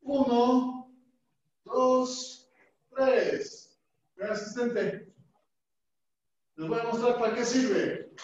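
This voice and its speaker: A man with a strikingly high voice leads a martial arts class, counting reps and barking short commands. He speaks slowly and deliberately. The sound is dull and far from the mic, with a heavy room echo. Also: fairly even intonation, a little mellow. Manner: counts drills aloud and calls out brisk commands. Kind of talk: teaching a live online class.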